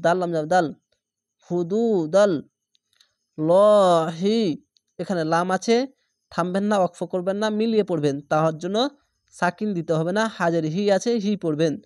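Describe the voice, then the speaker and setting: Male Quran tutor, dry close sound, letter-by-letter spelling, slow drawn-out recitation. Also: high voice, a little mellow, no room sound. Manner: spells letters then draws out the whole word slowly. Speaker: Quran reading teacher.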